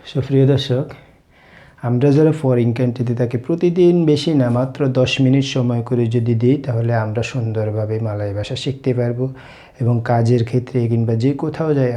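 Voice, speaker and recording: A man from Bangladesh giving a casual spoken language lesson, explaining phrases slowly and repeating each one. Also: mid-range voice, warm tone, dull audio. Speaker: language teacher.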